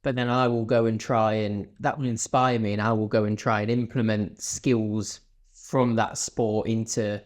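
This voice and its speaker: A man's voice: on the low side, flat delivery, moderate pace. A man hosting a podcast, asking curious questions and sharing his own experiences in casual conversation. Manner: curious, affirming listener. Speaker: podcast host.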